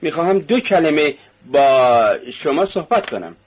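A man reading a novel aloud, voicing a restless, agitated poor young man in a raised, husky voice. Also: on the high side, very animated, highs cut off, pitched above the performer's own voice.

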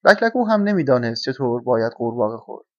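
A man reading a children's storybook aloud in a calm, measured way. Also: mid-range voice, dry recording. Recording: dull, dry lo-fi recording.

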